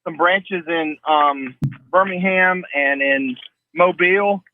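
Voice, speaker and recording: A man's voice: fairly high pitch, takes it slowly, slight background noise. A man calling in by telephone to a radio show, chatting in an easygoing, rambling way with fillers. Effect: heard over a telephone line. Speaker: phone-in guest, mortgage lender. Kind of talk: casual radio chat. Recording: tinny phone line.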